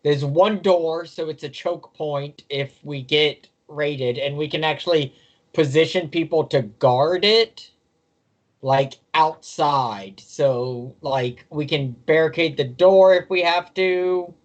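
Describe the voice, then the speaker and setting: A man's voice: on the high side, slow pace, highs cut off. A man playing a tabletop game, casually talking tactics with the group.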